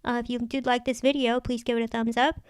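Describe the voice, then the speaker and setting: A woman's voice: fairly high pitch, flat delivery, fast, smooth, dry recording, studio quality. A woman giving a casual, chatty planner tutorial as a craft vlog host, thinking aloud as she goes.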